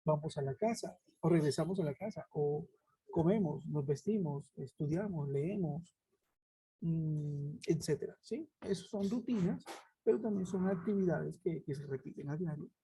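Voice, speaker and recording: A woman's voice: low voice, moderate pace, dark tone, breathy edge, rough recording. A woman teaching an English grammar class over a web conference, explaining step by step and checking in with her students. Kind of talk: online class lecture. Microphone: web conference headset or laptop mic.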